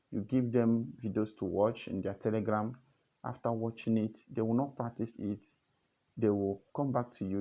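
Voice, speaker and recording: A man's voice: on the low side, mellow, dull audio. A man teaching a trading method in a casual, earnest tutorial, repeating himself and asking the listener questions. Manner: repetitive, earnest, coaxing questions.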